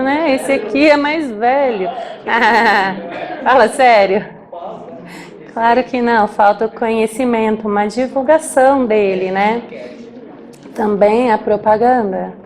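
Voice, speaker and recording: A woman voicing a deaf speaker's talk aloud as a sign language interpreter, lively and acting out small scenes. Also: fairly high pitch. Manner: lively, acts out little scenes with quick asides. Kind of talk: live spoken interpretation of a talk.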